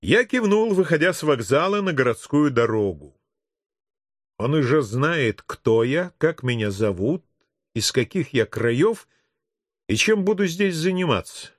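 Expressive male audiobook narrator. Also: fairly high pitch, no echo, studio quality. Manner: expressive, measured reading.

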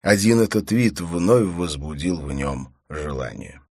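A man giving scripted audiobook narration in a measured, steady way. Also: low-pitched, no room sound, clean studio sound. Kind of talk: scripted narration of a crime novel.

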